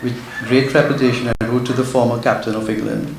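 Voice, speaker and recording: A man's voice: mid-range voice, flat delivery, fairly quick, gravelly. A man reads a prepared literary talk as an author, sounding nervous and earnest. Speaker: author giving a speech. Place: echoey indoor event venue. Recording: very echoey hall, faint background noise.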